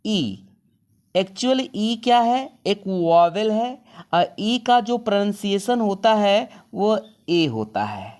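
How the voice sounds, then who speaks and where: A woman teaching an English lesson in a classroom style, asking questions and answering them herself, and drawing out example words slowly. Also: mid-range voice, darkish tone. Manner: slow, drawn-out words when spelling out examples.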